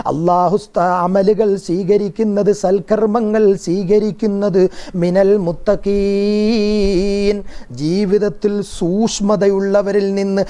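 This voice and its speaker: High-voiced earnest preacher man. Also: mellow. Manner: earnest, rhetorical storytelling with quoted dialogue. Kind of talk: Ramadan sermon.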